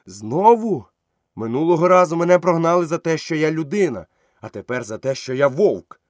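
A man's voice: fairly high pitch, very animated, moderate pace, no echo, studio quality, pitched above the performer's own voice. A man voicing a proud, defiant young man raised in the jungle, scornful toward villagers. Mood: bitter.

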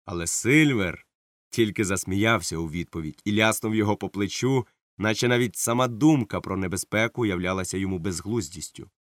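A man narrating an audiobook in a measured, dramatic way. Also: fairly low pitch, no echo, studio quality. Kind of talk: scripted narration.

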